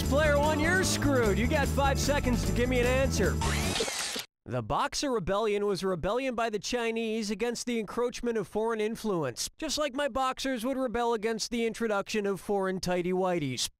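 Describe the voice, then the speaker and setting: A man playing a wisecracking, sarcastic quiz show host in a video game, with a snarky, punning delivery. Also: sits high. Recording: game audio with loud music behind. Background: loud game music.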